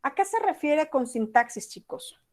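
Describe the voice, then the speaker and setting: A woman's voice: high-pitched, expressive, normal speed. A woman teacher with a Mexican accent giving an online class, talking casually and acting out example text messages. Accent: Mexican Spanish.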